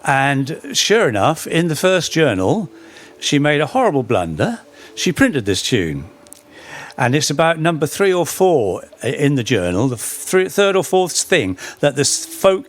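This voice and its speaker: A man's voice: fairly high pitch, big pitch swings, a little slow. A man giving a storytelling talk about folk song history, anecdotal and full of wry humorous asides.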